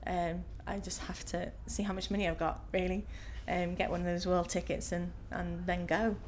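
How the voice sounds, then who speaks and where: A woman's voice: fairly low pitch, level tone, moderate pace, darkish tone, a little hiss or hum. A woman in her thirties with a Liverpool accent, answering interview questions casually and hesitantly, with many filler ums. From Liverpool, England.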